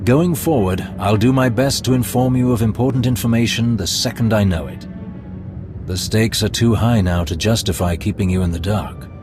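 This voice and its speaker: A male actor gives a lowish, natural voice to a formal, deferential Imperial spymaster in a game cutscene. As the advisor, he sounds reserved, courteous, and deliberate over a background music score.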